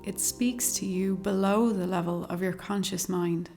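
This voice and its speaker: Singing bowls and meditation music set the backdrop as a woman calmly guides a meditation. She speaks slowly and soothingly at a medium pitch, in a measured way with long pauses.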